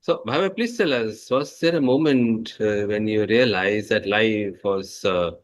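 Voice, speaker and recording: A man's voice: fairly low pitch, unhurried. A man hosting an interview, asking formal questions and adding brief affirmations. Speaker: interview host.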